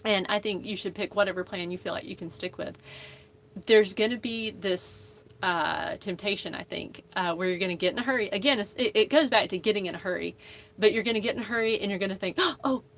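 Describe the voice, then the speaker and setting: A woman in her thirties hosts a casual live-stream Q&A at close range. Her voice sits at an ordinary middle pitch, and she talks in a chatty, rambling way, often stopping and restarting as she goes. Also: fairly quick, fairly bright tone, slight background noise. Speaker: host of a live Q&A.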